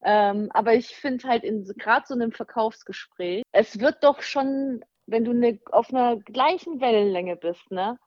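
A woman's voice: a little high, normal speed, few pauses, darkish tone, no room sound, dull audio. A woman, a sales trainer, as a guest in a casual interview, talking frankly and laughing easily.

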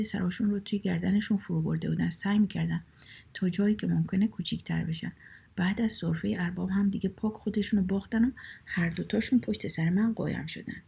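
A woman's voice: on the low side, creaky, mellow, husky. A woman reading a comic short story aloud as narrator, in a wry, conversational manner.

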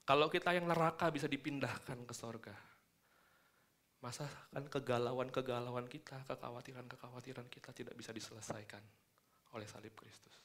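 Male preacher, Indonesian accent, bright forceful delivery, articulation slightly hampered by dental braces, emphatic sermon teaching. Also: medium pitch. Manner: emphatic teaching with repeated check-in tags to listeners.

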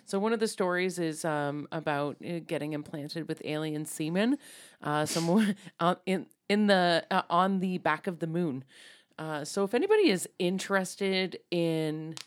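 A woman's voice: on the low side, normal speed. A woman co-hosting a podcast in casual chat, rambling with lots of ums and likes and laughing easily. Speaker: podcast co-host.

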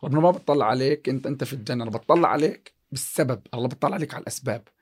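Speaking very fast, a man with a medium-pitched, breathy-edged voice chats casually as a podcast guest. He teaches chemistry and discusses success and faith, quoting scripture with frequent restarts.

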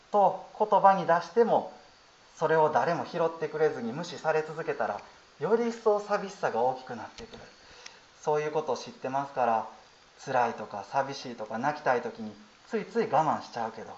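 Kansai-accented Buddhist priest, male, 30s, soft storytelling dharma talk, roomy and a bit muffled. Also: on the high side. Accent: Kansai Japanese. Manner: gentle, storytelling, many fillers. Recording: roomy, slightly dull audio.

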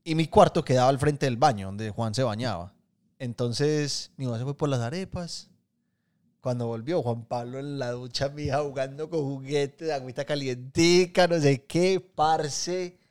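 A man's voice: mid-range voice, normal speed, clean tone. Slangy Paisa man telling stories. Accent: Colombian Paisa. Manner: animated, slangy storyteller who swears freely. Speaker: podcast co-host. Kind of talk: casual chat.

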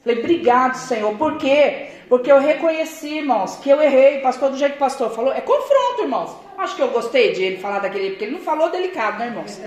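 Older lady preaching in church, kinda high voice, lots of room echo, keeps saying brothers to everyone. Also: expressive, quick pace, hardly any pauses, a little mellow. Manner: keeps calling out "brothers" to the congregation; acts out remembered conversations. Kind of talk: testimony-style sermon.

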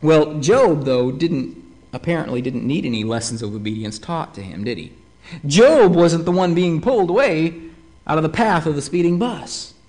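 Male preacher, sermon delivery, slightly high voice that swings widely in pitch, keeps putting rhetorical questions to the congregation. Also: moderate pace. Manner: animated, rhetorical questions to listeners.

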